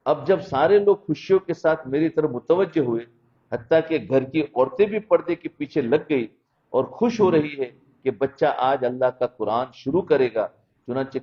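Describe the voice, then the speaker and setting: A man giving a sermon, telling stories about childhood and often asking his listeners whether they follow. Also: mid-range voice. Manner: storytelling, asks listeners "understood?". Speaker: Islamic preacher. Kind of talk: sermon with storytelling. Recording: dull lo-fi recording.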